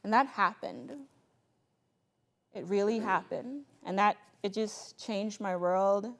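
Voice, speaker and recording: A young adult woman from the Bahamas, telling a personal story in a lively, chatty way, often laughing and acting out what people said. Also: mid-range voice, takes it slowly. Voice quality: animated, laughs often, quotes people in voices.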